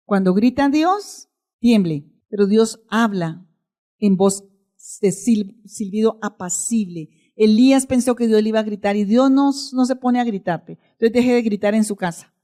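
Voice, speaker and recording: A middle-aged woman, preaching to a congregation. Her voice is mellow and warm, and her pitch sits in a medium range. She keeps asking questions and then answers them herself. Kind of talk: sermon.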